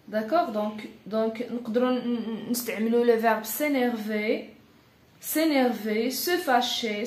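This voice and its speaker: A woman teacher with a Moroccan accent, her voice set a little high. She says key phrases slowly and more than once, and keeps checking that her pupils follow. The recording has the echo of a roomy space. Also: a little mellow. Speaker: French teacher. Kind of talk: classroom-style language lesson.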